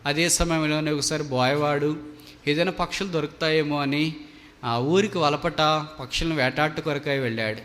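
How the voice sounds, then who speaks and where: A male preacher tells a story in his sermon with earnest drama and a fairly high voice. His words carry a long reverb through a large meeting hall. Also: steady tone, moderate pace, fairly bright tone.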